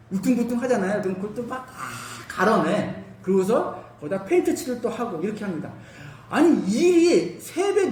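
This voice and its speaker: A male pastor giving an animated sermon, asking his congregation questions and using everyday cooking comparisons, in a church hall. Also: high voice, a little hiss or hum. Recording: roomy hall, mic at a distance.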